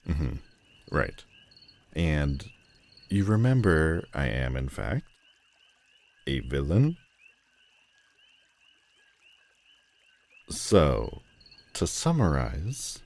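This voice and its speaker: In a roleplay audio drama, a man with an extremely low, slightly mellow voice plays a telepathic supervillain, heavily acted. He speaks intimately and directly to the listener, commanding and wry but protective, sounding incredulous and dry.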